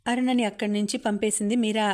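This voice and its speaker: A woman reading a novel aloud as an audiobook narrator, in a calm, even storytelling manner. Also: mid-range voice, quick pace. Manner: calm, even storytelling, quoting characters without acting them.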